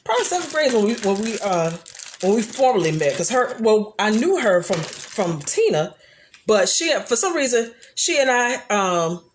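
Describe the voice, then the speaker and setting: Loud, laughing woman chatting live. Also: medium pitch, normal speed, a little hiss or hum. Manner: chatty and animated, frequent restarts. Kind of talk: casual live chat.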